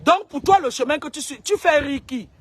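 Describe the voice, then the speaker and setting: High-voiced woman scolding at length. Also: lively intonation, a little fast, a little hiss or hum. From Cameroon. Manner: scolding, repetitive, stammers on repeated words. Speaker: self-styled seer. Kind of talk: direct-to-camera monologue.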